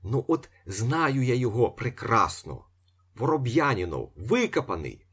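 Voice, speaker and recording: A man voicing an irritable, ironic male locksmith who shouts and sneers in a husky voice. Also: medium pitch, very animated, measured pace, pitched above the performer's own voice, full character voice. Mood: sneering.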